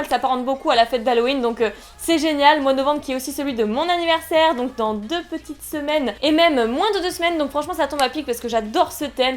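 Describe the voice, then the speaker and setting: Young woman, high voice, chatty, rambling, self-mocking, unboxing vlog. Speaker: unboxing vlogger. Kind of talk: casual unboxing chat.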